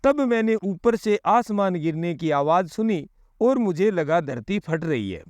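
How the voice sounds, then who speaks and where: A man's voice: sits high, sing-song, a little slow, a little mellow, no room sound, studio quality. A man voicing a frightened, panicky male rabbit in a children's story. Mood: panicked.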